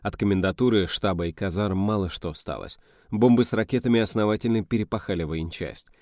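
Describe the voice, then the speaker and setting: A man narrating an audiobook in a steady, even storytelling manner. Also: fairly low pitch, brisk, no echo, clean studio sound.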